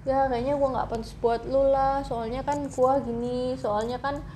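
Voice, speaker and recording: A woman's voice: sits high, little pitch movement, unhurried, warm tone. Woman acting a passive-aggressive, falsely sweet guilt-tripper, noisy background. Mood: wounded guilt-tripping. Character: passive-aggressive person, sweetly congratulating while playing the victim. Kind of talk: acted example quotes in casual talk. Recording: clear background noise.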